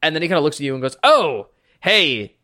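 Guy running a tabletop game, kinda high voice, lots of ums. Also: steady tone, racing, fairly bright tone. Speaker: game master.

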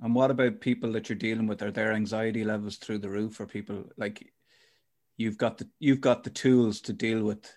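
A man's voice: fairly low pitch, steady tone, normal speed, a little mellow. A man hosting a casual podcast interview, informal and rambling as he thinks aloud.

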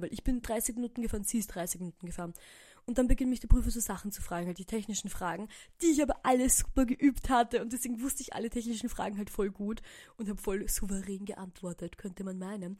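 A young woman, telling a personal story on her podcast in a chatty, animated way, full of fillers and English slang. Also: medium pitch, no echo, clean studio sound. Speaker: podcast host. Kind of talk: casual storytelling monologue.

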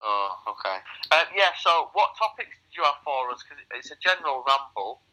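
Man, phone speaker, cold, very bright thin tone, rambling crude banter. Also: mid-range voice, big pitch swings, moderate pace. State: has a cold. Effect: heard through a phone speaker. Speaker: podcast co-host. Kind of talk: casual chat. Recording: phone call played on speakerphone.

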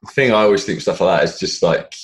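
A fitness coach hosts a podcast in a low voice, talking quickly. It's a casual interview chat, and he's encouraging throughout, adding frequent qualifying asides.

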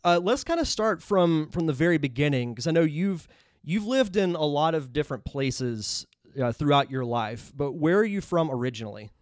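A man's voice: on the high side, sing-song, normal speed, no room sound. A male podcast host who sounds stuffed up and nasal from a cold. He talks in a chatty, upbeat way, recorded close and dry with no room sound. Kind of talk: casual podcast interview.

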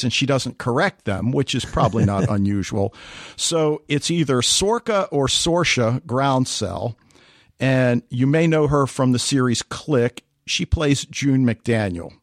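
A man's voice: medium pitch, animated, a little slow, dry recording, clean studio sound. A man co-hosting a podcast, chatting casually and telling stories with animation. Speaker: podcast co-host.

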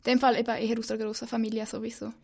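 A woman with a high voice runs the interview. She asks curious, encouraging follow-up questions in an easy conversational tone. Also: flat delivery, very fast, gravelly, a crowd in the background.

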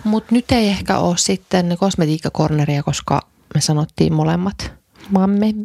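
A woman in her forties co-hosting a casual chat podcast, keeping her voice low and hushed in a makeshift home studio. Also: gravelly, no echo. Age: 40s. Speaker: podcast co-host.

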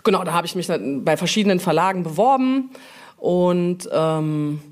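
Speaking at a normal speed in a lowish voice, a middle-aged brand manager explains things casually as an interview guest, frequently groping her way through sentences.

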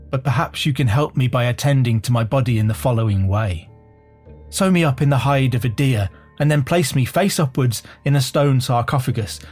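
A man voicing a dying old woman, a fearful sorceress, read out slowly and solemnly. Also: medium pitch, a little mellow, natural voice.

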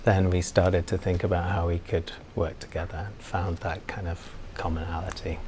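A man from England, an architect guest, telling stories in a relaxed way with fillers in an office interview. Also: sits low, moderate pace, crowd noise. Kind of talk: casual interview conversation. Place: university office.

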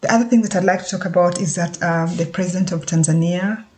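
A speaker from Kenya, giving a casual spoken update in a halting, thoughtful way and often pausing to search for words. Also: mid-range voice, steady tone, darkish tone, slight background noise.

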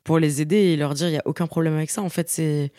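A woman's voice: sits low, steady tone, quick pace, dark tone, dry recording. Blunt, slangy Frenchwoman, recorded dry. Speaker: podcast guest. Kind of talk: casual chat.

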